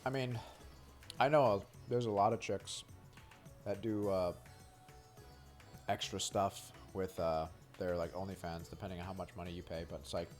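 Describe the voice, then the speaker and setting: A man's voice: low-pitched, steady tone, normal speed, pauses often, faint music behind. A man streaming a video game, chatting casually in a rambling, frank way with many fillers. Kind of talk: casual chat while gaming.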